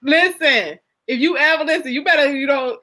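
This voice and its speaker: A woman co-hosting a casual chat show, animated and emphatic in her arguments. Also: high-pitched, moderate pace. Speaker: co-host.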